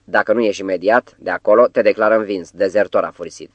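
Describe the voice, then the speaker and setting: A man voicing an imposing, mocking devilish master with a very deep, gravelly voice. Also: steady tone, dry recording, muffled recording, lightly acted. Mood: mock scolding.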